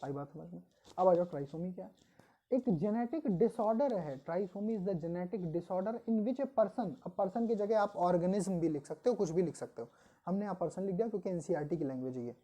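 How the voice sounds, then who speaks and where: A woman teaching biology for an exam-prep class, reading English definitions slowly and explaining them in Hindi, asking the class questions and answering them herself. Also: lowish voice, warm tone. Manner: addresses students as "beta". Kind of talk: online coaching lecture in Hindi mixed with English terms.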